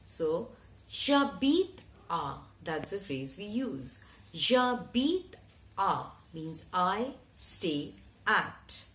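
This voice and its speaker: A woman teaching a French lesson, who spells out each phrase slowly and repeats it. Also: mid-range voice, big pitch swings, fairly bright tone, a little hiss or hum. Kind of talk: slow, deliberate language lesson. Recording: echoey room.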